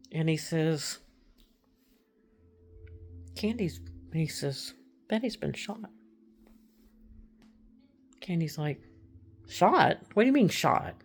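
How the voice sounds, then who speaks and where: A woman from Texas tells a true crime story in a chatty, casual way. Her voice sits a little low with a gravelly edge. She acts out the quoted people and sinks into hushed tones.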